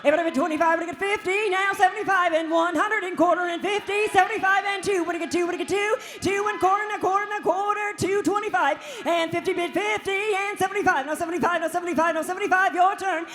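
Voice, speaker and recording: Very high-pitched woman auctioneer chanting bids. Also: steady tone, fairly bright tone, faint music behind. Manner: rapid-fire repeated numbers, projected and singsong. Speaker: auctioneer, championship finalist. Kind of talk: auctioneer's rhythmic bid-calling chant. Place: live contest stage before judges and audience.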